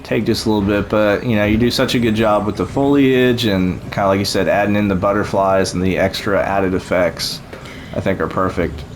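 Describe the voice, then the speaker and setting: A man's voice: lowish voice, steady tone, fairly quick, slight background noise, poor audio. A man chatting casually and encouragingly as he tours a theme park build, rambling with fillers. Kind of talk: casual chat over gameplay.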